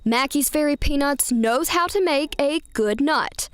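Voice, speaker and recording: A woman's voice: sits high, a little slow, no echo, clean studio sound. A woman reporter reading an upbeat scripted news voice-over with playful lines.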